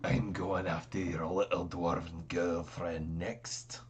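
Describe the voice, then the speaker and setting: A man playing a menacing male warrior who taunts the party as a distant voice calling out of the mist, speaking slowly and low. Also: little pitch movement. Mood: taunting. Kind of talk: game master voicing a villain.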